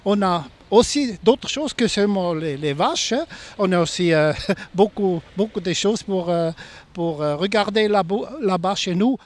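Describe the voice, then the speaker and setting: A man's voice: sits high, expressive, a little slow. A man from eastern Switzerland with a Swiss German accent, jovially chatting in a street interview. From St. Gallen region, eastern Switzerland.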